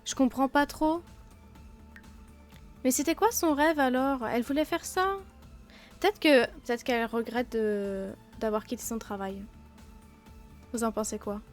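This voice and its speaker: A woman's voice: a little high, unhurried, pauses often, soft background music. Chatty sick Frenchwoman playing a game. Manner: chatty, self-mocking, many fillers. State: sick, blocked nose and sore throat. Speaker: let's play host. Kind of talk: casual game commentary.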